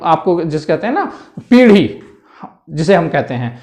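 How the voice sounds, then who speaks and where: Lively-voiced Hindi teacher. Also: mid-range voice, moderate pace. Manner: explains patiently, repeats words, asks "है ना". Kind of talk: exam-prep lesson explaining word pairs.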